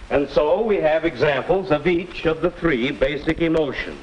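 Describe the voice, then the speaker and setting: An actor playing a patient, middle-aged male teacher, explaining calmly in a 1950s educational film. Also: fairly high pitch, natural voice. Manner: calm, measured explaining. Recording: muffled old film soundtrack with hiss.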